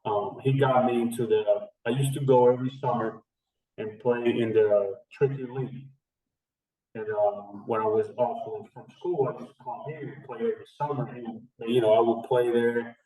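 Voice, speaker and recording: Captured in an echoey, distant remote recording, a man in his thirties from the Dominican Republic rambles casually as a guest, full of fillers and restarts. The strength and conditioning coach has a warm, medium-pitched voice with fairly even intonation and normal speed.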